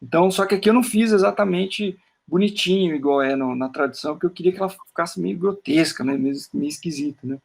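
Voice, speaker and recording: A man's voice: on the high side, fast talker, gravelly, few pauses. A Brazilian man, a poet, talking casually in an interview and rambling, with frequent "né?" tags and stammered repeats. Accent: Brazilian Portuguese. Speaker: poet talking about his book. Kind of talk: casual interview chat while showing his work on screen.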